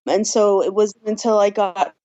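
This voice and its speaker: A woman in her thirties from the Bahamas, an artist and teacher, answering interview questions in a relaxed, storytelling way with some fillers. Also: medium pitch, normal speed, highs cut off. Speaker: guest artist and art teacher.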